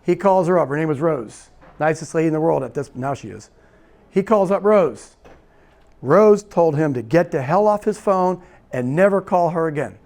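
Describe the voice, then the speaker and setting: Animated male seminar storyteller. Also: on the high side, moderate pace. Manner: animated storyteller, acts out quoted dialogue, repeats "right?". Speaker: real estate investing seminar instructor. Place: seminar room.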